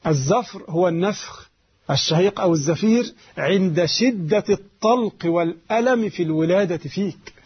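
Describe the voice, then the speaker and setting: A man delivers a sermon in a high, slightly husky voice. He presses his points with slow, emphatic repetition. The recording sounds dull and muffled. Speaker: preacher.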